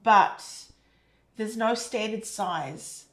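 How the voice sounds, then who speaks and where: A woman's voice: mid-range voice, extremely slow, a bit bright. A woman co-hosting a casual live stream, teasing her co-host and adding context.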